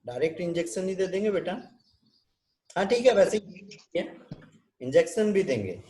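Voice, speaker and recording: Indian male nursing tutor, high voice, online class, patient, teacherly, questions the class. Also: expressive, moderate pace, warm tone, a little hiss or hum. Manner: teacherly, keeps checking with the class; switches between Hindi and English. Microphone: video call.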